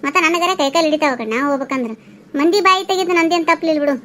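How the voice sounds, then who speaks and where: A woman voicing a sharp-tongued old village housewife. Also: sits high, slight background noise. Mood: scolding. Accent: North Karnataka Kannada. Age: older. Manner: gossipy, scolding, quick retorts. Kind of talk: comic cartoon voice acting.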